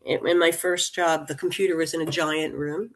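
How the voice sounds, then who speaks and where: A woman's voice: low-pitched, fairly even intonation, normal speed. A woman in her sixties, an interview guest, talking in a thoughtful, meandering way with restarts and small laughs. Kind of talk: casual interview talk.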